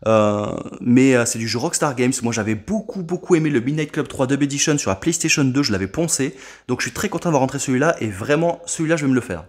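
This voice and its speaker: A man's voice: mid-range voice, expressive, fast talker. A man casually chatting at home, showing off games he collected, with lots of fillers and asides. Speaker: game collector showing purchases.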